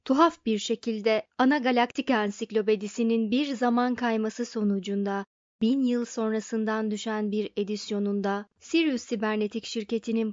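A woman narrating an audiobook in a measured, expressive way. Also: fairly high pitch, no room sound. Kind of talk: audiobook reading. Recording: dull, dry lo-fi recording.

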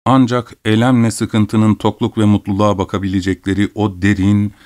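A man reading a story aloud as narrator, in a measured, expressive manner. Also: lowish voice. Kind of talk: audiobook reading.

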